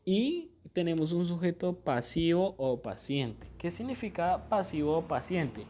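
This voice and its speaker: A man's voice: on the high side, big pitch swings, measured pace, warm tone, slight background noise. A male teacher giving a grammar lesson, explaining each point patiently, checking that students follow, and repeating things with small self-corrections.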